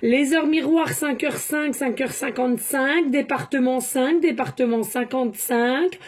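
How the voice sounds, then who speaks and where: High-voiced chatty woman medium. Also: unhurried, slightly rough. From France. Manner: chatty, rambling, peppered with "hein". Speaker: medium giving card readings. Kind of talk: casual spiritual guidance reading. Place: home by a glass patio door.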